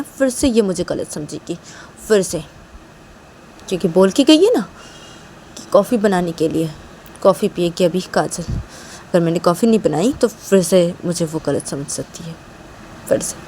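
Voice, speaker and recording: A woman's voice: mid-range voice, dark tone, a little hiss or hum, voice pushed up, lightly acted. Tearful lovesick young woman pleading, as a woman reads her.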